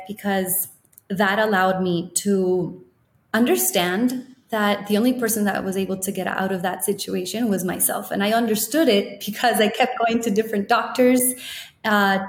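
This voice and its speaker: A young woman from Ecuador, a podcast guest, telling her story in a warm, reflective, often laughing way. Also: medium pitch. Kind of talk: casual interview chat. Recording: roomy echo.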